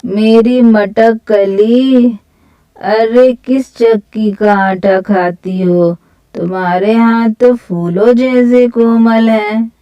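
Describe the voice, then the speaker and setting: A woman voicing a swaggering young male thug who mocks and bullies, speaking slowly. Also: fairly high pitch, steady tone, mellow, smooth, poor audio. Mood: leering, mocking.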